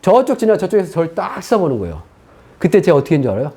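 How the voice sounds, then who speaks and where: A middle-aged man preaching a sermon as pastor, telling his own story in an animated way and acting out what he once said. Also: fairly high pitch, rapid-fire, slightly rough. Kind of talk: sermon testimony.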